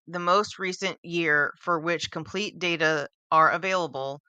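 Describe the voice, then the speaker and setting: Woman host reading to her group, trips on words, wry asides; bright, smooth tone. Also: sits low, dry recording. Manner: stumbles over words, dry sarcastic asides. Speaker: book club host. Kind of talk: reading a book aloud with casual commentary.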